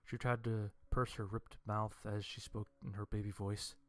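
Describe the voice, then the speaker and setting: A man narrating a first-person horror story in a dry, deadpan way. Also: on the low side, moderate pace.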